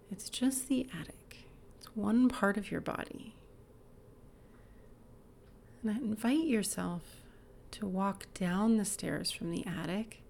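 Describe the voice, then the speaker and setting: A woman leading a guided body-awareness exercise in a calm, gentle, inviting manner, sometimes dropping to a soft whisper. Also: mid-range voice, gravelly.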